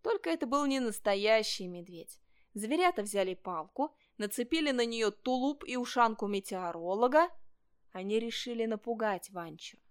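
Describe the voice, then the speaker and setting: A woman reading a children's story aloud, narrating in a lively, expressive way. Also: fairly high pitch, normal speed, clear, resonant tone.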